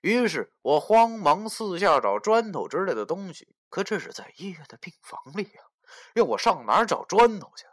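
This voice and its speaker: A man narrating a novel dramatically, shifting between hushed whispers and loud outbursts. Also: high voice, sing-song, normal speed. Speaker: audiobook narrator. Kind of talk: dramatic storytelling.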